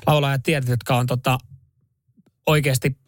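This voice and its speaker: A man's voice: mid-range voice, flat delivery, dry recording, clean studio sound. A man hosting a casual chat show, rambling and laughing easily as he tells stories. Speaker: radio show host.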